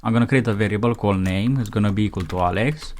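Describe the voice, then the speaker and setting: Male coding instructor, lower register, dictates each line as he types; keyboard audible. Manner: dictates code as he types, slow and methodical. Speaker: programming instructor. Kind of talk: screencast coding tutorial.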